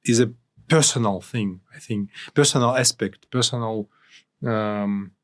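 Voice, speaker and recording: A man from Ukraine, speaking as a guest analyst in an interview, with halting phrasing and frequent restarts. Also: on the low side. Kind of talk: interview discussion.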